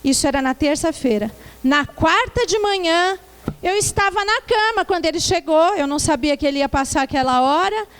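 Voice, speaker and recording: A woman pastor preaching a sermon, telling her testimony with lively tag questions and calling the congregation to answer back. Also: extremely high pitch, normal speed. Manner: calls for congregational response. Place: church.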